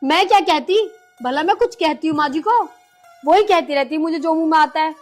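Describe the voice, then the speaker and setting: A patient young daughter-in-law who pleads earnestly, played by an actress. Her voice is fairly high, with faint music underneath. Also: fairly quick, natural voice. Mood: pleading. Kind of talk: rural comedy drama acting.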